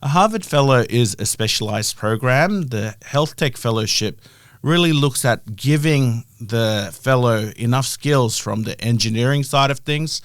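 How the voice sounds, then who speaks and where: A middle-aged man speaks with a broad Australian accent at an average pitch. He is an interview guest explaining his work in a conversational way. The sound is dry, with no room echo. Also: lively intonation, measured pace. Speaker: interview guest, health-tech founder.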